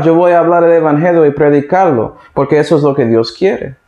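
A male preacher reads scripture aloud and stops often to explain it and check that listeners follow. His voice sits a bit high. The sound reflects around an echoey room. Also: darkish tone. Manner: reads verses and breaks in with comments and "¿sí ve?". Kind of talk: sermon with Bible reading.

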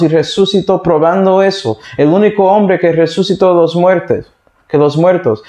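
A man's voice: high voice, darkish tone. Man preaching from the Bible in an echoey room. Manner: reads verses and breaks in with comments and "¿sí ve?". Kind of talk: sermon with Bible reading.

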